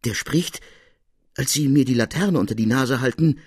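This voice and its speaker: Honest, shaken servant man, voiced by a male narrator, agitated and husky. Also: mid-range voice, normal speed, darkish tone, no echo, studio quality, voice pushed up, lightly acted.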